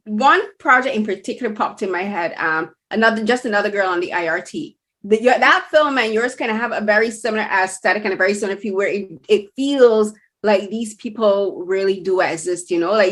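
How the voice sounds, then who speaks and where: A woman from Barbados hosts a casual interview in a mid-pitched voice. She talks in a chatty, winding way, often restarting and rephrasing as she works toward her question. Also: fairly bright tone. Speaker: interviewer host.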